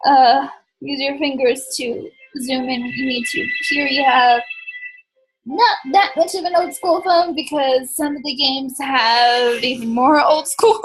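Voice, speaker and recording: A woman's voice: high-pitched, low-quality recording. A woman hosting a let's play, chatting as she plays, thinking aloud, and tossing in sarcastic asides. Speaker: gaming channel host.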